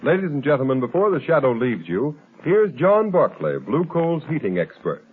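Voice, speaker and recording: Animated 1930s radio announcer man, slightly high. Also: normal speed. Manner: declamatory, polished. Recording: muffled 1930s radio broadcast.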